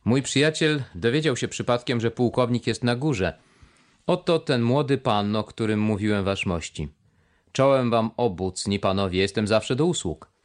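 A man's voice: mid-range voice, moderate pace, natural voice. A man voicing a wheedling, overly polite one-legged pirate with a crutch, reading an audiobook. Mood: cheerful.

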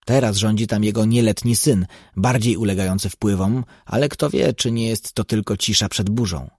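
A seasoned, grave tracker, voiced by an audiobook narrator, lowish and husky, explaining in a measured, warning tone. The sound is close and dry. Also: male voice, a little mellow, no echo.

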